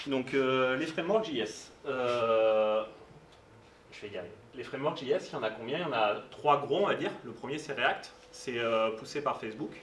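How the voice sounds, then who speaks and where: A man's voice: medium pitch, normal speed, a bit bright. Hesitant man speaking in an echoey room. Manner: hesitant, many fillers, informal asides. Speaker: meetup speaker. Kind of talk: live technical talk. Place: meetup room. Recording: roomy sound, distant mic, faint noise.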